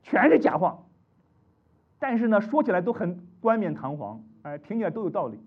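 Guy preaching a sermon, high voice that jumps all over, kinda dull lo-fi sound. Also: normal speed, husky. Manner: animated, rising to high emphatic peaks. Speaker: pastor. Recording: dull lo-fi recording.

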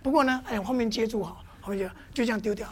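Woman, high voice, church teacher, quizzes listeners over and over, playful demonstrations. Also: racing, a little mellow, husky. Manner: constantly quizzes the audience with questions.

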